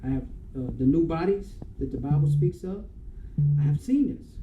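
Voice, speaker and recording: A man's voice: fairly high pitch, lively intonation, normal speed, mellow, muffled recording. A man in his sixties telling his dream story in an emotional, repetitive, dramatic way, acting out each moment. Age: 60s. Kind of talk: emotional first-person storytelling. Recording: echoey room with faint hum.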